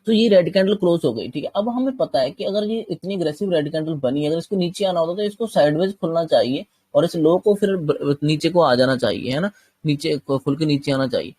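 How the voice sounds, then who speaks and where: A trading instructor with a slightly sore throat teaches a chart-based trading lesson, explaining step by step and often checking that listeners follow. His voice is a little high, expressive, fairly quick and darkish with a breathy edge, and there is no room sound.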